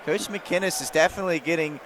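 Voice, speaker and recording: A man's voice: fairly high pitch, fast talker, noisy background. Analytical basketball color commentator, man. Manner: analytical, coaching-minded remarks.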